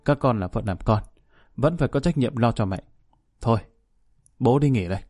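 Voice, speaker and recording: Male reader as a stern aging father in an audio story: curt, cold, dark-toned. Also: medium pitch, expressive, moderate pace, dry recording, studio quality, faint music behind, natural voice. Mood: gruff. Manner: curt, scolding.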